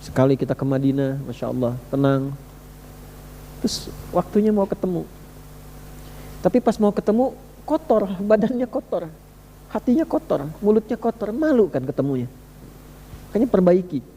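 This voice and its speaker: High-voiced male preacher, emphatic sermon. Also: animated, moderate pace, long pauses, mellow, in a large hall, a little hiss or hum. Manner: emphatic, repeats rhetorical questions to the audience; conversational, addresses listeners directly.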